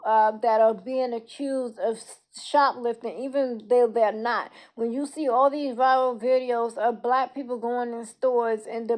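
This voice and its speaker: A woman's voice: a little high, darkish tone. A woman with toothless, lisping, slightly slurred articulation gives a candid, emphatic opinion in a casual live video monologue. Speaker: social media video creator.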